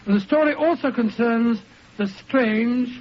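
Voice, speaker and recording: High-voiced, genial old Doctor Watson. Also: male voice, unhurried, slight background noise. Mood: genial storytelling. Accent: English. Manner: chuckling, avuncular, slightly blustering. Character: genial older English doctor recounting his detective adventures. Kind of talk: 1940s radio acting. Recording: muffled old 1940s radio recording.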